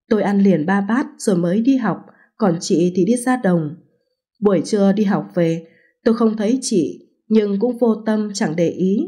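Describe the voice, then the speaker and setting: A woman narrating a first-person story as an audiobook, in an even, unhurried way. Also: mid-range voice, husky.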